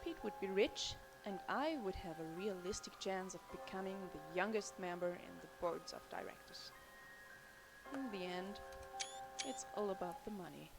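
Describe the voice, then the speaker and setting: In poor audio, a young actress with a medium pitch and some vocal fry narrates a game intro over music as a cool, ambitious young insurance fraud boss. She's animated and moves at a moderate pace, yet keeps a cynical, matter-of-fact edge.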